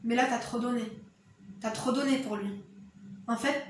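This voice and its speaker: A woman's voice: a little high, normal speed, slight background noise. A woman with an eastern Algerian accent giving frank, direct, motherly advice to camera in casual commentary at home. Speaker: YouTuber. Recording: very echoey room, mic at a distance.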